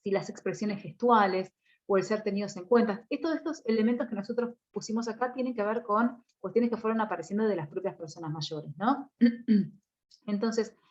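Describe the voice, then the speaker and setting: A woman's voice: mid-range voice, a little mellow. A woman giving a recorded course lecture, explaining step by step with frequent tag questions and hesitant fillers. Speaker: course instructor. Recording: dull lo-fi audio.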